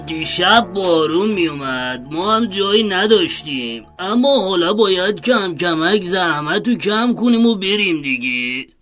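Brief: slow, braying storybook donkey, bright edge, a woman putting it on. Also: lowish voice, animated, faint music behind. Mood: polite. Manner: drawling, braying. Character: slow, plaintive old donkey, easily upset.

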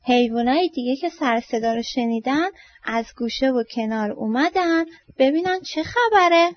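A woman storyteller reading a children's story aloud, expressive and trailing off softly at line ends. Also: sits high, dry recording. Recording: dull lo-fi dry recording.

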